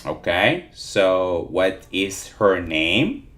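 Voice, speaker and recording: A man's voice: deep voice, very animated, drawn-out words, fairly bright tone. A man teaching a live interactive online lesson, repeating points and often checking in with his listeners. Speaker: teacher of call-centre English.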